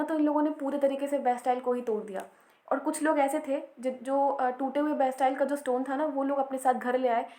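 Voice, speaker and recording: High-voiced female teacher, lecturing patiently and checking in often, in a roomy, echoey space. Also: darkish tone. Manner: explains step by step, checking in with "theek hai". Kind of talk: Hinglish history lecture.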